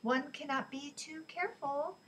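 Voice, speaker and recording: A woman reading aloud who voices a soft-spoken, ingratiating man with false courtesy. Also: sits high, normal speed, a little hiss or hum, pitched above the performer's own voice, poor audio. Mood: courteous.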